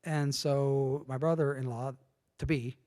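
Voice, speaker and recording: Speaking a little slowly at a medium pitch, a middle-aged interview guest spins casual stories, bringing them to life by performing bits of dialogue. A long reverb from the room hangs on his voice.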